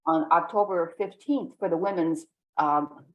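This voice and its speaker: A woman hosting a podcast, reading a guest introduction, then chatting in a slightly halting way. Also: on the low side, muffled recording. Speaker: podcast host. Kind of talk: podcast intro and casual interview.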